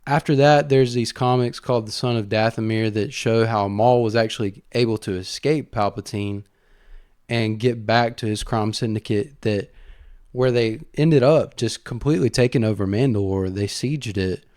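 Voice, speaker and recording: A man's voice: lowish voice, steady tone, normal speed, darkish tone, no room sound, clean studio sound. A man hosting a casual commentary podcast, recapping a story enthusiastically and conversationally, with fillers. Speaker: host.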